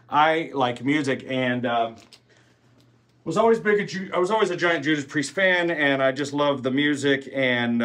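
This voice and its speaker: A man's voice: mid-range voice, a bit bright. A man in his forties, a band singer, chatting casually in a vlog, rambling and swearing freely. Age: 40s.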